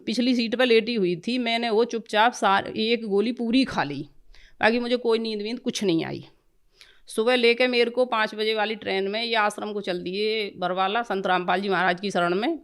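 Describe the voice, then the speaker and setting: A woman's voice: a little high, vocal fry, fairly bright tone. Earnest middle-aged woman telling her story. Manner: earnest, emotional, rambling with restarts. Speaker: devotee giving a testimony. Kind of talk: personal testimony storytelling.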